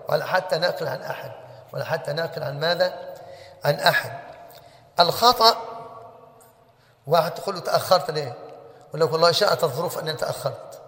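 A man's voice: on the high side, fairly bright tone. A man teaching a religious lesson, who keeps asking his listeners rhetorical questions. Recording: long hall reverb.

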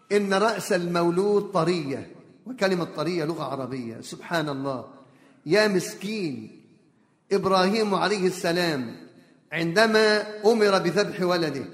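A high-pitched man preaching in a big reverberant hall. He tells old stories, stops to explain each phrase, and now and then slips into a chanted verse. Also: fairly bright tone. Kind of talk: sermon storytelling. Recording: echoey hall.

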